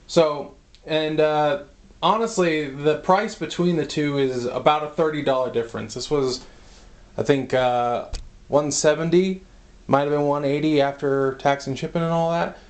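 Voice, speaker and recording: A man giving a casual spoken toy review, rambling and halting with many fillers, slightly out of breath as he stands by a camera on a tripod. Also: a little high, steady tone. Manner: rambling, halting, full of "uh" and "you know".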